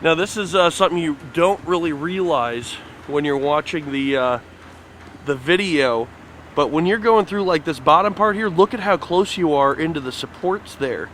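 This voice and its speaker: A man's voice: fairly high pitch, animated, normal speed, fairly bright tone, slight background noise. A man hosting a casual walking tour of an outdoor construction site, talking enthusiastically with lots of fillers. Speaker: fan site video host.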